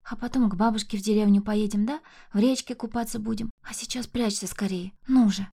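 A woman's voice: mid-range voice, fairly even intonation, a little fast, gravelly, mellow, breathy edge, pitched above the performer's own voice. Woman voicing a frightened, protective mother. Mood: urgent soothing. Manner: urgent, trembling whisper to her child.

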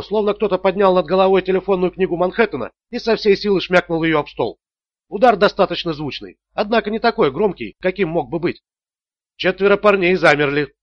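A man narrating a thriller audiobook in a steady, measured way. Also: high voice, no room sound, dull audio.

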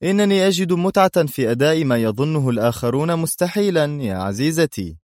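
A man reading a story aloud, voicing a calm, cold and sarcastic male spy hero. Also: mid-range voice, moderate pace, no room sound, clean studio sound, pitched above the performer's own voice, lightly acted.

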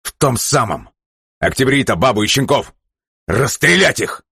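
A man's voice: medium pitch, sing-song, normal speed, gravelly, slightly rough, no echo, clean studio sound, pitched above the performer's own voice, exaggerated voice. A man barking as a furious ruthless commander. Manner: barking orders, shouting in rage.

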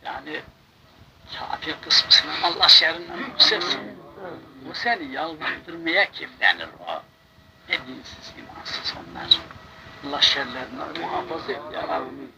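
An older man, a Sufi sheikh, tells religious stories in an impassioned sermon, now and then breaking into loud cries and chanted invocations. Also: on the high side, big pitch swings, a little slow, gravelly. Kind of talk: religious storytelling talk. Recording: noisy recording.

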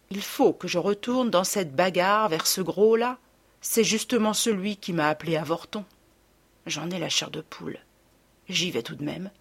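Low-voiced woman reading a novel aloud. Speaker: audiobook narrator. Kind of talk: scripted literary narration.

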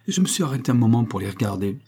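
Guy doing a gruff old sea captain, dark husky voice. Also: medium pitch, sing-song, racing.

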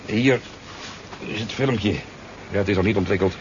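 In 1970s Dutch radio drama, an actor plays a talkative, easygoing sport fisherman and boozy eyewitness, modest and obliging. His low voice tells a hesitant, rambling story with stammers at normal speed, lightly acted, on a dull, noisy recording.

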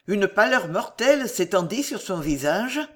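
A woman narrating a historical novel in an expressive, dramatic reading. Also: medium pitch, normal speed. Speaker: audiobook reader. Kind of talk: scripted narration.

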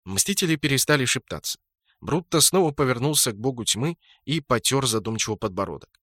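A man reading a first-person fantasy novel in a steady storytelling manner. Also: mid-range voice, a little fast, no room sound, clean studio sound. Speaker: audiobook narrator. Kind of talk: first-person fiction narration.

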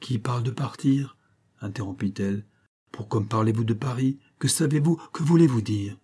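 A man's voice: medium pitch, normal speed, dark tone, breathy edge, lightly acted. A man reading aloud and voicing a young woman in love, pleading urgently and emotionally.

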